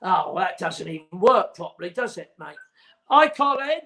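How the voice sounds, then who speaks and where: A man's voice: sits high, very animated, normal speed, sharp tone. A man in his forties hosting a casual livestream chat from home, rambling and teasing. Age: 40s. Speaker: host.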